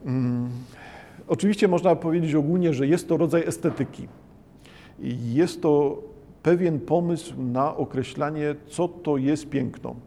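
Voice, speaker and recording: A man giving a slow, reflective lecture, pausing often and hesitating between phrases. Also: fairly high pitch, vocal fry, warm tone. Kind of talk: lecture on Japanese poetry.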